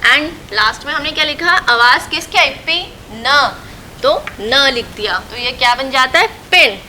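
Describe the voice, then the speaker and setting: Slow, bright-voiced woman teacher. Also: high-pitched, animated, a little hiss or hum, low-quality recording. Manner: slow, patient, repeats and asks questions then answers them. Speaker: school teacher. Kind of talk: recorded online lesson for young children.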